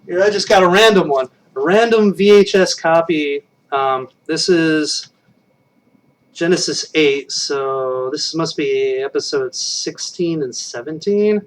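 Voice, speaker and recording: Chatting casually with viewers from home, a live stream host in his late thirties speaks slowly in a voice a bit higher than most men's. He rambles, keeps restarting sentences, and makes fun of himself, sometimes drifting from the webcam mic so he sounds distant.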